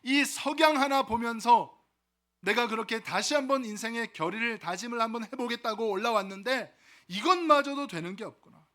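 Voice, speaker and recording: A man voicing a frustrated young man who grumbles loudly about his bad luck. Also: extremely high pitch, lively intonation, moderate pace, pitched above the performer's own voice, exaggerated voice. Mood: lamenting. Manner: loud, exasperated lamenting.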